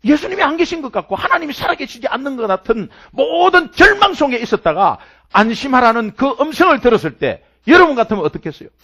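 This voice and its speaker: A middle-aged man preaching a sermon, repeating key words and swinging between loud and soft. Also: very high-pitched, big pitch swings, fast. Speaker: pastor.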